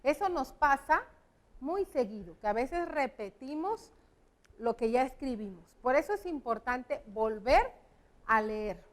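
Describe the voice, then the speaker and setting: A woman teacher, patiently explaining a lesson to schoolchildren slowly and clearly. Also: high voice, animated. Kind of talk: classroom lesson for children.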